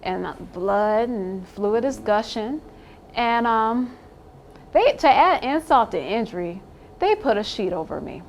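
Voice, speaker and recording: A woman's voice: on the high side, very animated, unhurried, a little hiss or hum. A woman in an interview giving a candid personal account, blunt and emphatic, swearing now and then and laughing wryly.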